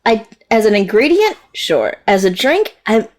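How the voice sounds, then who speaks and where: A woman's voice: medium pitch, sing-song, unhurried, darkish tone. Wry, teasing woman in casual banter. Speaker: player. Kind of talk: casual chat.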